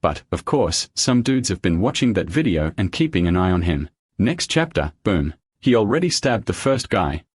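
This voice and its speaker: A man tells a story recap in a casual, slangy, wry voice that is husky and a bit low. His pitch moves around a lot, and the voice-over is dry and close. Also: big pitch swings, moderate pace, no echo. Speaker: recap narrator.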